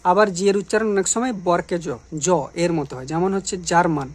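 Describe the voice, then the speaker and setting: A woman's voice: lowish voice, quick pace, a little mellow. A woman teacher explaining English letters and sounds, patiently asking questions and answering them herself. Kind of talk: grammar lesson.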